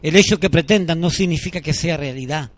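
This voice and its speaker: A middle-aged man preaching a sermon as pastor, telling lively anecdotes and acting out the people in them. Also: a little high, fairly quick. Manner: animated storytelling preacher, voices the people in his anecdotes.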